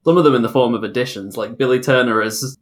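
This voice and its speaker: A man's voice: medium pitch, quick pace. A man co-hosting a casual sports podcast, joking and laughing through his lines. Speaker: podcast co-host.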